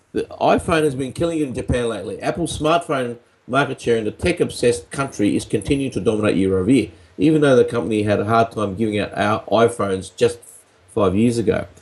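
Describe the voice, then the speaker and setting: A man's voice: animated, brisk, slightly rough, poor audio. An Australian man reading a news item aloud in a put-on, mock-grand old-time radio announcer voice. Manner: mock-grand, higher-pitched announcer delivery. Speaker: podcast co-host.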